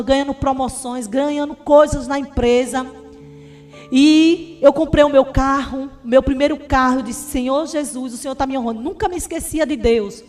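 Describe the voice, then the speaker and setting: High-voiced fervent woman preacher. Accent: Brazilian Portuguese. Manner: fervent, repeatedly addresses listeners as beloved. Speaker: evangelist. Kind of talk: testimony sermon.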